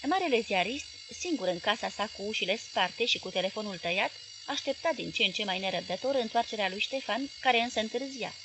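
A woman with a Romanian accent reading a literary novel as an audiobook narrator, in measured, clear narration. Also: mid-range voice, animated, noisy background.

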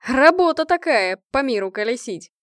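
A woman voicing a cheerful, loud male colonel who teases with mocking nicknames. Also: high-pitched, lively intonation, moderate pace, no echo, clean studio sound. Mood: jovial teasing.

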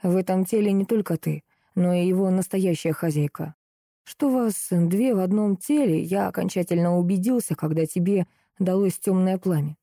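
A woman reading the lines of a calm, serious young male dark mage, explaining in a level, steady way. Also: lowish voice, moderate pace, no room sound, clean studio sound. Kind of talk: audiobook character reading.

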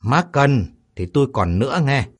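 A man's voice: medium pitch, lively intonation, normal speed, close to an everyday voice. A man voicing a brash young man who talks in a cocky, offhand way.

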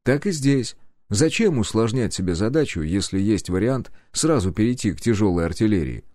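A man narrating a first-person audiobook in a grim, deliberate, menacing way. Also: fairly low pitch, lively intonation, a little mellow, no echo, clean studio sound.

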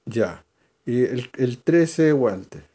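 A man's voice: medium pitch, lively intonation, drawn-out words, mellow, breathy edge. A man leading a verse-by-verse Bible study, explaining and calling on readers by name.

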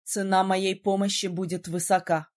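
Woman voicing a stern young male prince mage, gruff and grave, audiobook. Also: medium pitch, flat delivery, moderate pace, darkish tone, voice pushed down, lightly acted.

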